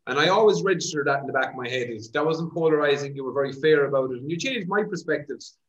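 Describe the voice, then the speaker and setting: A man's voice: on the high side, lively intonation, quick pace, highs cut off. A man hosting a casual interview, speaking conversationally with fillers like "like" and "uh". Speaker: podcast host, vet. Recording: echoey room.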